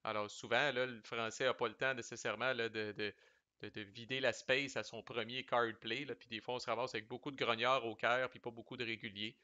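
A man's voice: medium pitch, level tone, brisk, sharp tone, no room sound, highs cut off. A man with a Québécois French accent talks through board game cards in a chatty, loose way. He drops in English game terms and salty slang. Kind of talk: casual explanatory commentary.

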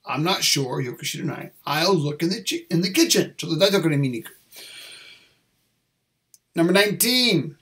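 A man explains English test answers at an unhurried pace, repeating each phrase carefully. He switches between English and Japanese as he teaches. His voice sits a little high for a man. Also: expressive, fairly bright tone.

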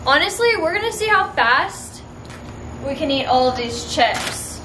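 A woman's voice: sits high, measured pace. A woman vlogger chatting casually to camera, giggly and laughing often, recorded in an echoey room. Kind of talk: casual vlog chat to camera. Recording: echoey room with steady background noise.

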